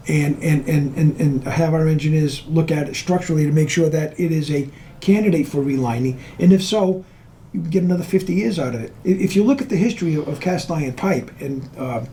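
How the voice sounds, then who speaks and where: A man with a fairly high but mellow voice answers interview questions for a water board. He explains in a deliberate, earnest way. A faint hiss of ambient noise sits behind him. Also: poor audio. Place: on a tour of the water department.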